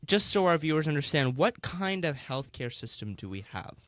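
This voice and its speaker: A man with a lively, bouncing voice runs a casual discussion panel, putting questions to the others between "um"s and "uh"s. He is recorded dry and close. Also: a little high, normal speed, no room sound. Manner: lively, asks questions with fillers. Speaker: moderator.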